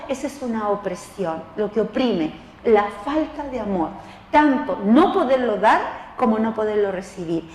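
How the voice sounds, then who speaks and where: Speaking in a hall full of long reverb, a woman lay preacher teaches a seminar through sermon-style talk. She voices quoted speakers with a rising pitch, stays expressive, and speaks to the listener as tú.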